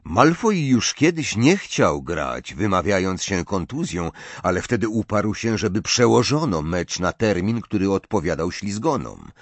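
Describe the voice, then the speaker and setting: A man's voice: low-pitched, unhurried, few pauses, no echo. A man narrating an audiobook expressively, doing the voices of every character himself. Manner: expressive reading, plays every role himself. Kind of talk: scripted narration.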